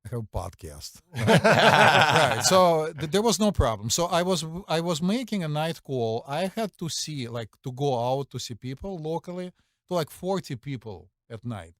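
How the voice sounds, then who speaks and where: A middle-aged physician with a Russian accent co-hosts a podcast, telling stories confidently with lots of fillers and a recurring "right?". His voice is on the high side, very animated and a bit bright at normal speed. The audio is dry, clean studio sound.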